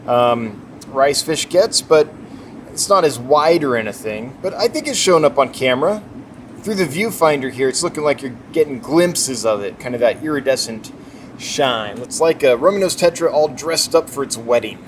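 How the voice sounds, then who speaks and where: A man's voice: medium pitch, expressive, normal speed. A man giving a casual, enthusiastic, unscripted tour of the stock in an indoor fish warehouse as the seller. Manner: enthusiastic, chatty. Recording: clear background noise, humming ventilation.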